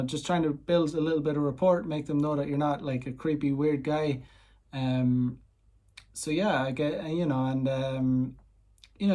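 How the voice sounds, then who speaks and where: A man's voice: on the high side, darkish tone. Rambling man explaining casually. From Ireland. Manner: rambling, heavy on "you know" fillers; slips in basic Japanese phrases and translates them. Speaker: dating coach. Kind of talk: casual explanatory vlog talk.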